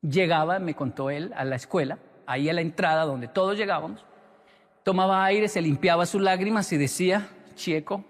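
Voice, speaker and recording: A man giving a storytelling sermon, animated and acting out the voices of the people in his story. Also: sits high, a little fast, in a large hall. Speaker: motivational speaker.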